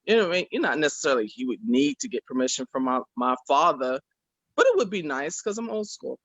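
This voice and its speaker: A woman's voice: deep voice, big pitch swings, fast, dry recording. A woman answers questions in a plain-spoken, matter-of-fact way as a guest. The conversation is casual and the recording is very dry and close. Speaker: first-time guest on a group call. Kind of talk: casual discussion.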